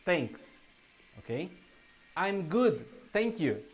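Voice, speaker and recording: A woman with a Brazilian accent teaching English phrases in a lesson, saying each one slowly so students can repeat it. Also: on the low side, lively intonation.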